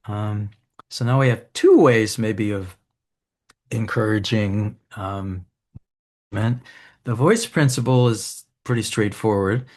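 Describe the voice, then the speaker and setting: A man giving an academic keynote lecture, explaining studies in a relaxed way with frequent ums and restarts. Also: fairly low pitch, slow pace. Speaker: keynote speaker. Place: conference hall.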